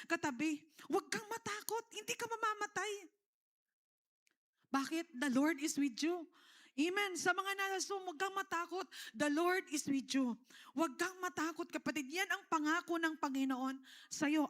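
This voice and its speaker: A Filipino woman pastor preaching with a high, ringing voice. Her tone is bright and carrying, and she keeps calling out to the congregation between points. She sounds middle-aged. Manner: preaching in mixed Tagalog and English, with repeated calls to the congregation. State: tearful. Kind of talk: sermon.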